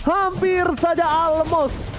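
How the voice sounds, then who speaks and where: An Indonesian-accented man doing live esports play-by-play, excitable and playful, mixing in English catchphrases. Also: very high voice, slow pace. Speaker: esports shoutcaster. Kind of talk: live play-by-play game commentary. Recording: loud game music behind. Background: loud game music.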